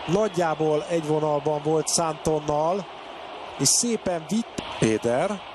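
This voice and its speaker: An excited male football commentator with a fairly high voice. He makes clipped, urgent calls of players that leap up at every chance, over clearly noisy broadcast sound.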